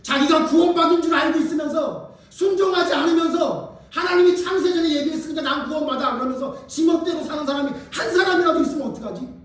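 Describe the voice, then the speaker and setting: A male pastor preaching with fervour, his voice unusually high, rising to shouts and dropping to near murmurs. He sounds a little distant from the microphone, and a large church hall throws heavy echo around every phrase. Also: fast, hardly any pauses. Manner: impassioned, swings between shouting and hushed asides. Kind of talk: sermon. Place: church sanctuary. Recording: very echoey hall, voice heard from a distance.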